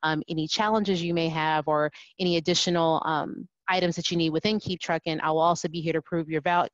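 Young woman, CS manager; low steady explainer, dry muffled audio. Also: dry recording. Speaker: customer success manager. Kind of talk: casual panel talk on a video call. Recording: dull, dry webcam audio.

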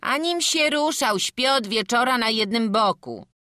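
A woman voicing a sleepy young lad who yells loudly. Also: a little high, lively intonation, unhurried, no echo, clean studio sound, pitched above the performer's own voice. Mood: yelping. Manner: loud, yelping.

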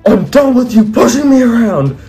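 A man's voice: a little high, expressive, normal speed, soft background music. Man putting on a Bill, a furious robot villain. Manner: mocking, yelling. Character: vengeful male robot servant turned killer.

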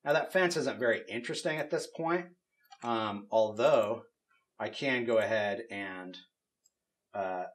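Man demoing software in a relaxed tone. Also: fairly low pitch, a little slow. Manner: relaxed, explanatory, with frequent fillers. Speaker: game studio technical artist demonstrating tools. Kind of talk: casual software demo walkthrough. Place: office at a desk with monitors.

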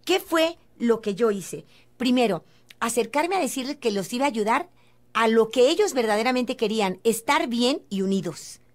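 A woman radio host, telling a story in an earnest, gentle and preachy way. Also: a little high, lively intonation, moderate pace. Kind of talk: storytelling on a radio talk show.

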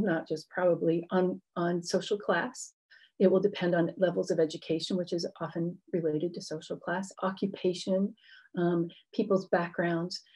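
A middle-aged woman lectures in an explanatory way, with informal asides. Her voice sits a little low and has a soft, mellow tone. It sounds like a video-call class from a room at home. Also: poor audio. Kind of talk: academic lecture with slides. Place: indoor book-lined room at home.

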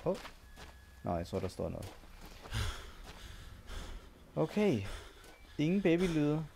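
Jumpy young Danish gamer, faint hiss. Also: male voice, a little high, very animated, vocal fry, warm tone. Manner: jumpy, mixes English slang into casual Danish. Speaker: gaming YouTuber. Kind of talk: horror game let's play commentary.

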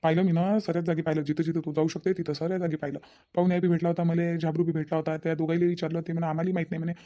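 A man's voice: a little high, little pitch movement, rapid-fire, mellow, natural voice. An actor voicing a stern village father-in-law. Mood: reproachful. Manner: lecturing, reproachful. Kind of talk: cartoon voice acting.

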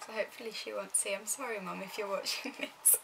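A woman's voice: mid-range voice, steady tone, fast, creaky, background noise. A young woman vlogging casually from her home kitchen, chatty and apologetic as she talks to the camera. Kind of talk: casual vlog chat.

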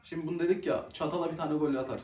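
A young man hosting a casual football reaction video, excitable and quick to swear and groan at the play. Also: a little high, recorded from a distance. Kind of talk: casual live match reaction. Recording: echoey room, voice a bit off-mic.

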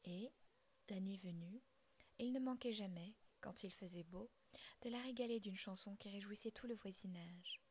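A woman reading a classic tale aloud in a soft, unvoiced ASMR whisper. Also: mid-range voice, normal speed, husky. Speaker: audiobook reader.

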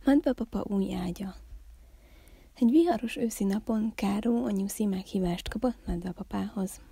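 A woman from a library reading a children's Christmas story aloud, calm and unhurried. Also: medium pitch, gravelly, husky, no room sound.

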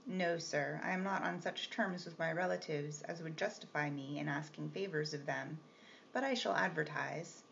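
A woman's voice: deep voice, normal speed, vocal fry, a bit bright. Woman reading as a firm, polite young governess. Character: young governess, plain-spoken and composed. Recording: slightly muffled with faint hiss.

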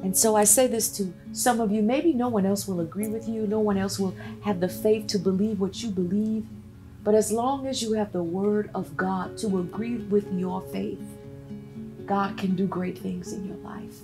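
A woman's voice: mid-range voice, fairly even intonation, moderate pace, over music, close to an everyday voice. A woman playing the biblical woman healed after twelve years of bleeding, telling her story in an earnest, preacherly way and repeating phrases for emphasis. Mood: fervent, emotional. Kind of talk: first-person dramatic testimony on a talk show.

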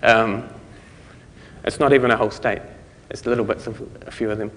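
A man speaks in a fairly low voice, presenting a technical talk. His delivery is informal and halting, with thoughts left trailing. The sound carries the reverb of a lecture hall. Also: steady tone, fairly bright tone. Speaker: conference speaker. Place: conference lecture room, indoors.

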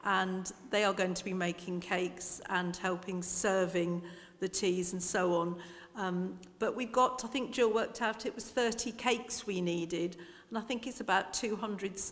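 A woman speaks in an even, flat tone, giving church notices off the cuff from memory. Long church-hall reverb trails her words. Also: mid-range voice, measured pace. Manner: informal, talking from memory.

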